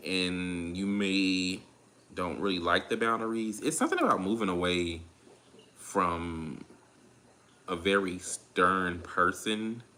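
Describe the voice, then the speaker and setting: Southern guy doing a tarot reading, real low voice, tired and drawn out, repeats himself a lot. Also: animated, sharp tone. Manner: laid-back, drawn-out, repeats phrases while calling on spirit. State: tired, drained. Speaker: tarot reader. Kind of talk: casual tarot reading monologue.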